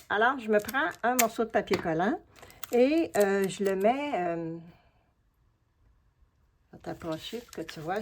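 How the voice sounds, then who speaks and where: Speaking at a medium pitch over a slight hiss or hum, a woman with a Québécois French accent walks viewers through a craft step by step. This collage artist and craft video host is chatty and familiar, describing each step while she works.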